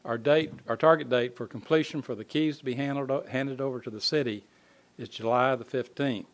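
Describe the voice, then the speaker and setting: A man giving an informal spoken report at a city council meeting, pausing often on fillers and restarting phrases. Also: mid-range voice. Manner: halting, frequent uh fillers and restarts. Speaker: city staff presenting a construction update to council.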